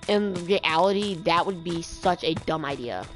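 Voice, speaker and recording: Speaking at a normal speed in a voice on the low side, a young woman streamer rambles and swears through casual, annoyed commentary on her game, with its music in the background.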